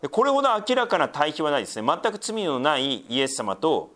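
A man's voice: on the high side, very animated, fast, fairly bright tone. A middle-aged male pastor giving a sermon, explaining scripture with frequent asides and a conversational, teaching tone.

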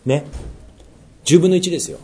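A man preaching a sermon, reading scripture aloud and dropping into low, quiet asides between passages. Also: normal speed. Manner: swings between raised reading and low asides, jokes lightly. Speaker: pastor.

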